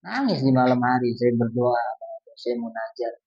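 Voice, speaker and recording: A man's voice: mid-range voice, expressive, moderate pace, a little mellow. A man preaching a casual, colloquial sermon to a congregation, earnest and speaking directly to his listeners. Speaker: Islamic preacher. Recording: distant dull lo-fi recording.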